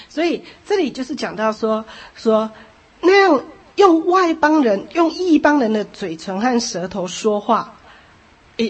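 A woman preaching a sermon, repeating phrases for emphasis and adding lively asides. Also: on the high side, slightly rough.

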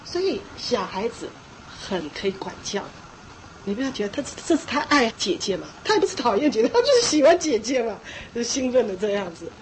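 Middle-aged woman preacher, high voice, emphatic and repetitive, acts out scolding. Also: sing-song, fairly quick, slight background noise, low-quality recording. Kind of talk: sermon on parenting.

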